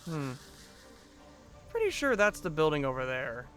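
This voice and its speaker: A man's voice: fairly high pitch, sing-song, measured pace, fairly bright tone, faint music behind. A man giving casual gameplay commentary as a streamer, musing to himself with mild exclamations. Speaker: game streamer.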